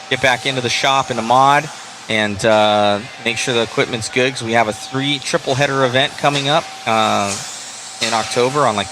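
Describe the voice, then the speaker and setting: A tired livestream host chats loosely and warmly as he wraps up an event at an indoor race track. His voice sits in the mid-range, with background noise audible.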